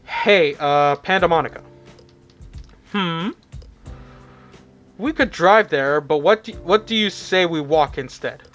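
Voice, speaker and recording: A man's voice: fairly high pitch, takes it slowly, long pauses, a bit bright, faint music behind. A man voicing a young male player character on a date, in a casual, plain way.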